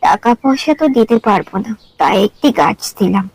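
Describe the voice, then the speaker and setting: A woman doing a gentle old village grandmother. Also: medium pitch, animated, brisk, vocal fry, breathy edge, no echo, poor audio.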